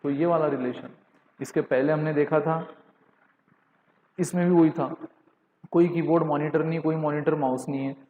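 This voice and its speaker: A man with an Indian accent giving a live online lecture, switching between Hindi and English, reading statements out slowly and calling on students by name. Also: a little high, fairly even intonation, darkish tone, reverberant, long reverb tail, lo-fi sound, a little hiss or hum. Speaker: online teacher.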